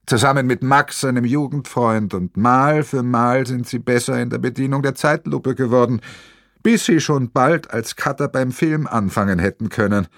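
A man's voice: medium pitch, moderate pace, a bit bright, dry recording. A man narrating a crime novel in a wry storytelling manner on a close mic. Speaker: audiobook narrator.

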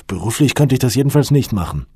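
A man playing a crude young male prankster who speaks loudly and mockingly in a raised voice. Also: medium pitch, lively intonation, fast talker, gravelly, slightly rough, dry recording, studio quality, pitched above the performer's own voice, exaggerated voice. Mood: rowdy mocking. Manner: mocking, rowdy.

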